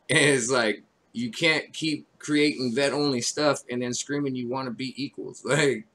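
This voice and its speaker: Male podcast host, blunt, opinionated, bright forceful voice. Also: medium pitch, measured pace. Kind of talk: casual podcast conversation.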